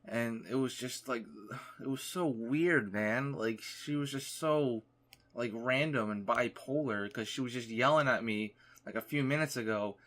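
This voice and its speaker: Young guy rambling through a story over gameplay, says like a lot, mid-pitched voice. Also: a little slow, fairly bright tone. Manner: rambling, lots of "like" fillers. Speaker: gaming YouTuber.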